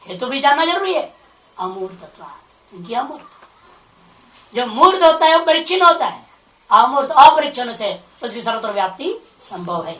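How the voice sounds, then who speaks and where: Lady teacher going through sanskrit text bit by bit, bright high voice, sounds far off. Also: very animated, normal speed. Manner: explains Sanskrit phrases line by line, asks rhetorical questions. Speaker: spiritual teacher. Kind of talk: scripture commentary lecture. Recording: echoey room, far from the mic.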